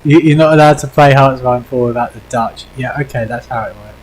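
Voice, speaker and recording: A man's voice: medium pitch, quick pace, noisy background. A young British man hosting a gaming stream, chatting casually with friends, teasing them, swearing and laughing often. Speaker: streamer host.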